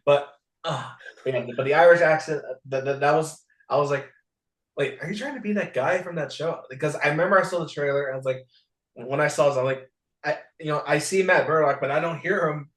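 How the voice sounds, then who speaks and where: Man with halting talk in an echoey room. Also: on the high side, a bit bright. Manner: halting, full of "you know" restarts. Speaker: guest. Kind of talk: casual recap chat. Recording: roomy echo.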